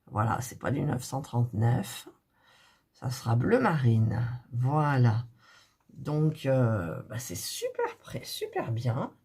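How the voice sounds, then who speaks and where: A middle-aged woman, hoarse and recovering from a cough, chatting softly and thinking aloud as she unboxes cross-stitch kits. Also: a bass voice, lively intonation, takes it slowly. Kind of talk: casual unboxing chat.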